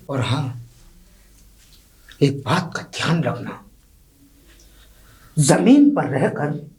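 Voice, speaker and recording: An actor playing a proud, contemptuous landowner father who delivers slow, weighty warnings. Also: medium pitch, darkish tone, close to an everyday voice. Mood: stern. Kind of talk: low-budget film drama acting.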